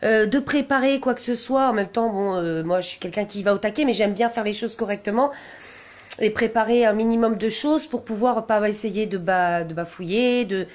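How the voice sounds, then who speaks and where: A woman's voice: medium pitch, normal speed, darkish tone. A woman vlogging off the cuff, reading a document aloud and commenting on it in an indignant, agitated and rambling way. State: wound up, on edge.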